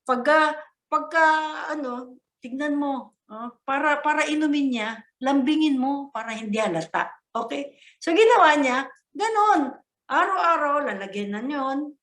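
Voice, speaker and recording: A woman's voice: high voice, expressive, a little slow, a bit bright. A woman giving a conversational motivational talk, often asking her listeners to agree with her. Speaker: motivational speaker. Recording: echoey room.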